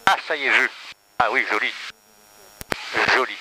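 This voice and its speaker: A man's voice: mid-range voice, normal speed, bright, forceful tone, slight background noise, poor audio. A man chats casually as a passenger over an aviation headset in a small plane. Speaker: passenger listening to the pilot. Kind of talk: casual chat. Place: small plane cockpit in flight.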